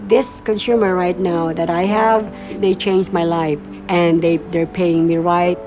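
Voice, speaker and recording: Slow-spoken heartfelt woman caregiver. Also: lowish voice, steady tone, over music. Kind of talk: documentary interview.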